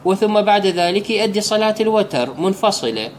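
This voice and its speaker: A man with an Iraqi Arabic accent explaining prayer rules as a religious teacher, slowing down whenever he recites the set formulas. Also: high voice, expressive, a little hiss or hum. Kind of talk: jurisprudence lesson.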